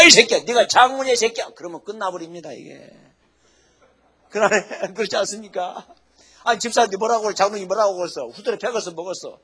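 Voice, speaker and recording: Husky, forceful male pastor preaching. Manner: emphatic preaching, swings from loud exhortation to low quiet asides; asks the congregation to say amen and repeat lines. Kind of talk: sermon.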